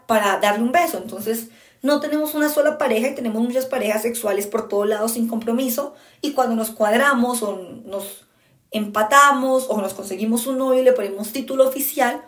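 A woman podcast host giving frank, emphatic relationship advice in a casual monologue, speaking straight to her listeners. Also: fairly high pitch. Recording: echoey room.

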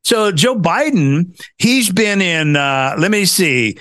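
Exasperated American man, lively higher-pitched voice. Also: takes it slowly, dry recording, studio quality. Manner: exasperated, sarcastic ranting. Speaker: talk show host. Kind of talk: casual political commentary.

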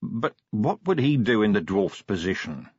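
A gruff, tired middle-aged watch commander, voiced by a man who talks in short, matter-of-fact bursts. The voice is husky and the recording dull and dry, with no room sound. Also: on the low side, sing-song, normal speed, no room sound. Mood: brusque.

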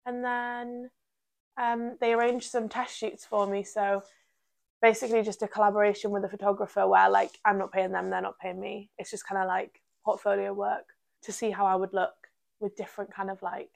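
Young woman, Durham accent, fry in the voice, casual interview guest, chatty, filler-heavy. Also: mid-range voice, flat delivery, normal speed. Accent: Durham, North East English. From Durham, England. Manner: chatty, uses "like" constantly. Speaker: podcast guest, part-time model.

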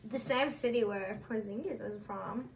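A woman's voice: a little high, moderate pace, gravelly, slight background noise. A woman in her twenties with a Latvian accent, co-hosting a podcast in giggly, playful banter. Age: 20s. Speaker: podcast co-host. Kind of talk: casual chat.

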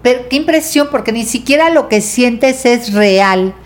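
A middle-aged woman with a Mexican accent explaining ideas in a podcast chat, animated and teacherly. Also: a little high, unhurried. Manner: animated, teacherly, acts out quotes. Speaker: guest teacher. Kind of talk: casual podcast talk.

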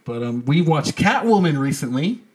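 A man's voice: on the high side, big pitch swings, moderate pace. A man hosting a casual podcast, talking in a crude, joking, rambling way. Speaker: podcast host.

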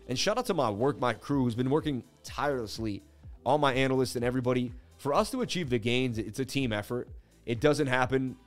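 A man hosting a crypto trading channel, giving casual screen-share market commentary in a slangy, boastful way with repeated catchphrases. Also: medium pitch.

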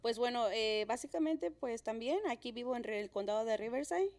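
A woman's voice: a little high, lively intonation, a little fast, a little mellow. A woman in her thirties from Mexico, a podcast co-host talking in a friendly, easy way. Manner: friendly, encouraging interviewer. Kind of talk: casual conversation.

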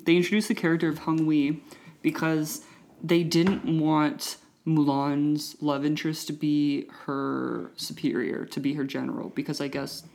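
A woman co-hosting a casual film chat, animated and opinionated, often talking over her co-host. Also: sits low, unhurried, vocal fry, a little hiss or hum.

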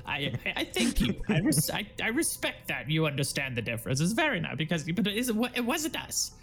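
A man's voice: sits high, huge pitch swings, brisk, music in the background, pitched above the performer's own voice, exaggerated voice. A man voicing a timid, frightened male goblin who stammers and pleads in a tabletop role-play. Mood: pleading.

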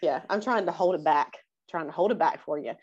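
A woman hosting a podcast in casual, chatty, self-deprecating style, her voice raspy and stuffed up from pollen allergies. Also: deep voice, brisk, a little mellow, lo-fi sound. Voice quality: raspy, congested. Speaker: podcast host. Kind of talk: casual chat.

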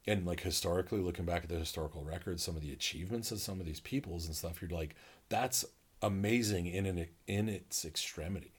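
A North American podcast co-host talks fast in a low-pitched, husky voice. The conversation is casual, and he rambles enthusiastically, relying heavily on fillers.

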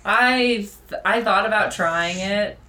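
A woman's voice: medium pitch, takes it slowly, bright, forceful tone. A woman co-hosting a podcast, giving brief, affirming replies in casual chat. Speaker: podcast co-host.

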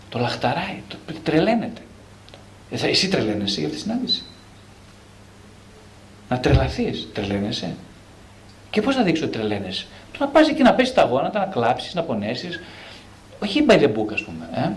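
A male psychotherapist talking freely about self-knowledge, animated and colloquial, often asking and answering his own rhetorical questions. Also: a little high, slight background noise.

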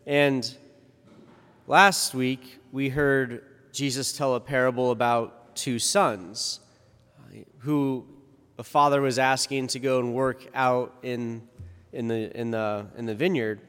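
A man's voice: mid-range voice, steady tone, takes it slowly, fairly bright tone, clean tone. A man speaking as a priest at a church service, his voice carrying in a long cathedral echo. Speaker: priest giving a Gospel reading and homily. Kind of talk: church sermon. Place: large reverberant church.

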